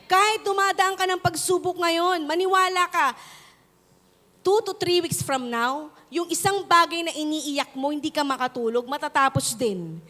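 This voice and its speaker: Filipino woman pastor, lively call-and-response sermon, high pitch, long church-hall reverb. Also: moderate pace. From Philippines. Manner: mixes Tagalog and English, animated storytelling with call-and-response.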